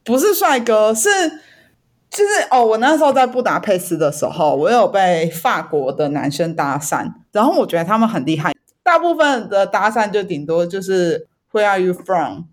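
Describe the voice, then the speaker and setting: A woman's voice: medium pitch, sing-song, normal speed. Taiwanese-accented Mandarin female podcast host. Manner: drops English words into Mandarin. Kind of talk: casual chat.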